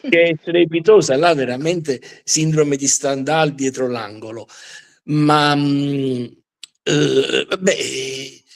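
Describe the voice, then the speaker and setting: Hosting a live history show, a man speaks off the cuff in a halting way, repeating words as he searches for the right phrasing. His voice is medium-pitched, steady and creaky.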